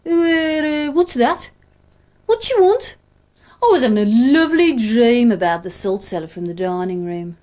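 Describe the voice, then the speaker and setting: A woman's voice: a little high, lively intonation, unhurried, darkish tone. A woman voicing a sleepy, dreamy, lovestruck pepper pot in a children's storybook. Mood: drowsy, dreamy.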